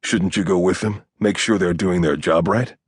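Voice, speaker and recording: Man voicing a gruff young rescuer, sarcastic, clipped, deep voice, dry sound. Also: steady tone, normal speed, dry recording.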